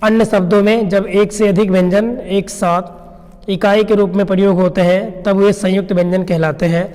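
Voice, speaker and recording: A man's voice: high voice, level tone, normal speed, darkish tone. A male teacher giving an exam-prep lecture. He explains each point step by step, asks rhetorical questions and answers them, and often checks in with the class. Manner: checks in with "है ना" and "ठीक है ना". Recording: long room reverb.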